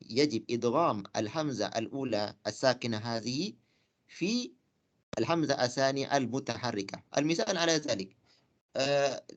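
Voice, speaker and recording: A man teaching Arabic grammar in a lecture. He talks haltingly, with many fillers, and repeats words slowly. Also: medium pitch. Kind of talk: classroom lecture.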